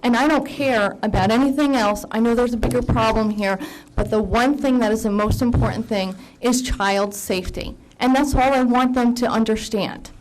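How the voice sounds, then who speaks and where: A woman's voice: a little high, normal speed, few pauses, slight background noise, low-quality recording. A woman speaking at a town council meeting as a resident, earnest and emotional. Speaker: resident speaking at public comment. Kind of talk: public meeting comment.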